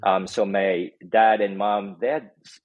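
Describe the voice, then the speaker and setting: A Filipino startup co-founder tells his story as a guest in a casual interview, using lots of "um" fillers and laughing as he recounts things. His voice is fairly low and steady, with a measured pace. The audio is dry, narrow, and tinny.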